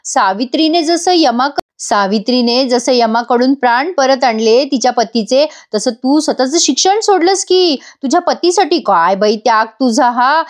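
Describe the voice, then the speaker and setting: A woman's voice: sits high, animated, normal speed. A woman voicing an angry young woman who taunts and scolds a rival to throw her out of the house. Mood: angry taunting.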